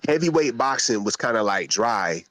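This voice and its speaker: A man's voice: medium pitch, very animated, normal speed, a bit bright, no room sound, low-quality recording. A man hosting a casual boxing podcast, pushing his point and cutting in on the others. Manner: pushy, keeps cutting in. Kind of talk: casual argumentative chat.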